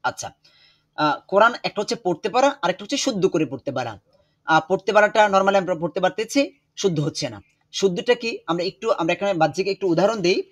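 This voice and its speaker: Man teaching over a video call, somewhat high voice, husky, repeats words slowly for the class. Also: expressive. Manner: explains slowly, repeats words, drills pronunciation. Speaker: Quran teacher. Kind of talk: online class lecture.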